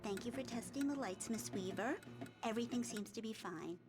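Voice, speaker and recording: A woman acting a polite, higher-voiced young-sounding deputy. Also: fairly quick, over music, natural voice. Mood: courteous. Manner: polite, chatty, courteous. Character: polite, helpful small-town female deputy. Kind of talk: video game voice acting.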